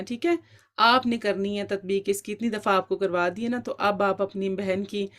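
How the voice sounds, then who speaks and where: A woman teaching an online Quran recitation lesson, quizzing her students and encouraging them, with English words mixed into her Urdu. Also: medium pitch. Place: online class.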